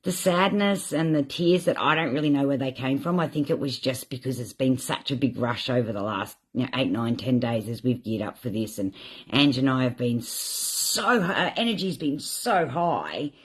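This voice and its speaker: A woman with a husky, slightly breathy voice talks openly on a live stream. She rambles and reflects on her feelings, and she sounds tearful and worn out. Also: a bass voice, expressive, normal speed. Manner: emotional, rambling, self-reflective. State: tearful, drained. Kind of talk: candid live stream monologue.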